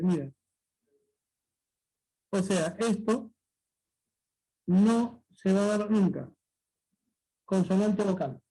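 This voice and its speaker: Male tutor, high husky voice, patient, repeats every rule, keeps checking in. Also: warm tone, poor audio. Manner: patient, repetitive, checks understanding often. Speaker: language teacher. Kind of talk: exam-prep lesson.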